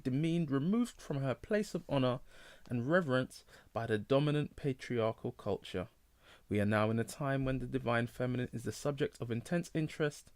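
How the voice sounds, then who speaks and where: A man's voice: mid-range voice, darkish tone, dry recording. A man giving critical commentary on a ministry channel, stern and emphatic.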